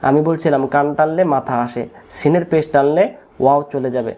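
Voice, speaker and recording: A man with a Bangladeshi Bengali accent teaching Quran recitation, slowly repeating each letter sound for learners to copy. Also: fairly high pitch, mellow. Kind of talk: tajweed lesson.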